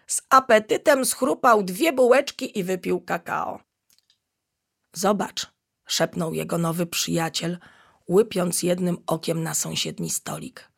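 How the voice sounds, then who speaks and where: Slow gravelly woman reading a storybook. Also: on the low side, fairly bright tone. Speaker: narrator.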